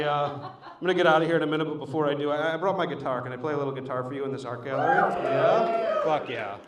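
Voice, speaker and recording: A man performing stand-up in an echoey art gallery, his voice sitting a little high for a man. He tells the story in an animated way, swears often and acts out the other passengers. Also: far from the mic, noisy background. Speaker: stand-up comedian. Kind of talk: stand-up set. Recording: echoey room.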